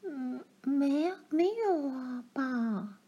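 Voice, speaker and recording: A woman's voice: very high-pitched, very animated, unhurried, dull audio, voice pushed up, heavily acted. A woman voicing a cautious young girl who scolds and worries about rules. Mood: tearful. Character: cautious rule-minding older sister girl.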